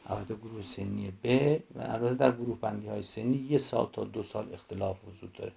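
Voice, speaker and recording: A man giving a lecture, stressing and repeating the key points and reading children's poems aloud slowly. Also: lowish voice, fairly even intonation, creaky, warm tone, husky. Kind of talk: university lecture.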